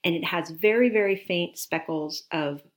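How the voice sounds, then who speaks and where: With a lowish voice at normal speed, a woman co-host on a knitting podcast talks casually about knitting with enthusiasm and plenty of detail, sniffling now and then.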